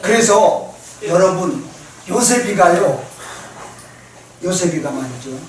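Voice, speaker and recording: A man's voice: high voice, expressive, takes it slowly. A male pastor giving a sermon, asking the congregation questions and acting out quoted spouses. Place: church. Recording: echoey church hall from far off.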